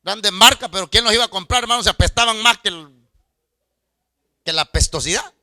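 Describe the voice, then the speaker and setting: A middle-aged man preaching a storytelling sermon as a pastor, swinging from loud outbursts to hushed asides and stammering repetitions. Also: high-pitched, a little fast, dry recording, studio quality. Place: church.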